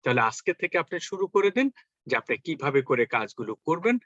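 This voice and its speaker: Guy teaching english, repeats drills over and over, bright kinda husky voice, dry dull recording. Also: fairly high pitch, big pitch swings, fairly quick, no echo. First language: Bengali. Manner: repeats practice phrases over and over, mixes English into Bengali. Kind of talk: casual spoken lesson. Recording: dull lo-fi, dry close sound.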